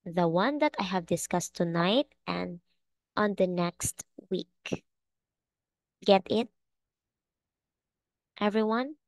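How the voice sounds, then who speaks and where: A woman's voice: mid-range voice, slow pace, long pauses, no room sound. A woman teaching an online English class, speaking patiently and checking often that her students understand.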